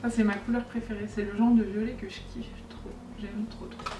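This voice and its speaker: A woman's voice: mid-range voice, fairly quick. Young woman vlogging an unboxing, kinda far from the mic, echoey room. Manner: chatty, lively, talks to the products. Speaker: beauty vlogger. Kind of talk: casual unboxing chat. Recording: echoey room, voice a bit off-mic, faint music.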